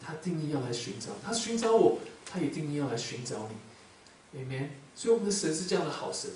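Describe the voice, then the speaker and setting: Fast-talking pastor in an echoey hall. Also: male voice, on the high side, very animated, slight background noise. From Taiwan. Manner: emotional, swings between loud emphasis and soft murmurs. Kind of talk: sermon with personal testimony. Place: church hall. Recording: very echoey hall, speaker far from mic.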